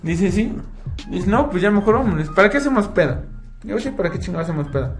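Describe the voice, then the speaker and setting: A man's voice: high voice, lively intonation, fast talker, over loud music. Slangy young Mexican guy telling a story. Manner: slangy, profane, says "güey" constantly. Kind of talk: casual storytelling chat.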